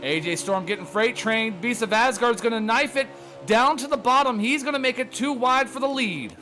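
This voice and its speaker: A man calls a sim race in rapid, excited play-by-play and says he is out of breath keeping up with the action. His voice sits very high for a man. Faint music plays behind him. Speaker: race commentator. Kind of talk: play-by-play sim racing commentary.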